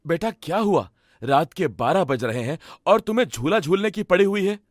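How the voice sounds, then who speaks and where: A man voicing a caring father pigeon in a Hindi cartoon, anxious and gently scolding. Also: high-pitched, animated, moderate pace, no echo, clean studio sound.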